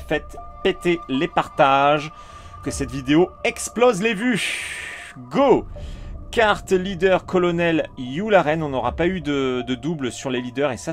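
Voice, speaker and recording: A man with a French accent chatting casually while opening trading cards, calling out each card and getting excited. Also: medium pitch. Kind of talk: casual card-unboxing commentary.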